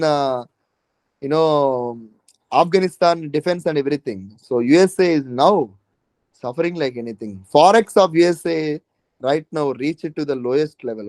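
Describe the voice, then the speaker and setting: Male online-class lecturer, South Indian accent, pitched a bit high, very dry recording, repeats himself to check understanding. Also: a little mellow, dry recording, poor audio. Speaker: teacher of a current affairs exam class. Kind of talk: informal online lecture with questions to students.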